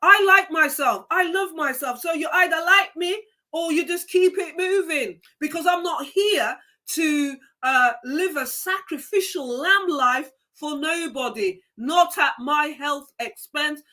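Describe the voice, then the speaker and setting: High bright emphatic woman with Jamaican accent. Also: a little slow. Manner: emphatic, preachy, repeats key words. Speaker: live-stream host. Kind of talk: motivational live-stream talk.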